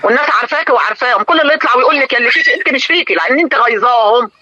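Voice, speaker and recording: An older Egyptian woman rants at high speed on a live stream, scolding and indignant. Her voice is sharp and very bright. The sound is dull and lo-fi, as if it comes through a phone. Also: animated. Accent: Egyptian Arabic. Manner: indignant, scolding, rapid-fire. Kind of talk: heated live-stream talk to viewers and a caller.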